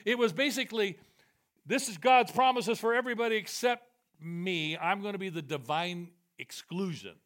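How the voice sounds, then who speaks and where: A male preacher giving a sermon to a congregation, animated and self-deprecating, switching between loud emphatic bursts and quiet confessional asides. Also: high voice, normal speed. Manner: animated and self-deprecating, quoting God and Jesus in a raised voice. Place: church, before a live congregation.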